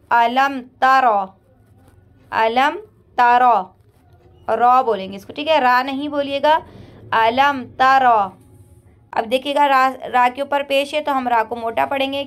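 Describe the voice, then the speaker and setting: A woman teaching Quran reading rules step by step, explaining patiently, checking in often, and slowly chanting each example word. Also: sits high. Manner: patient, repeats "theek hai" often, chants the sample words slowly and drawn out. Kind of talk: step-by-step recitation lesson.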